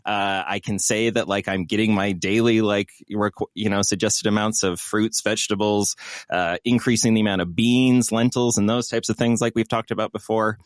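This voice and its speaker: A man's voice: on the low side, steady tone, moderate pace, dry recording. Man, podcast co-host, casual chat, rambling, self-mocking, dry close sound.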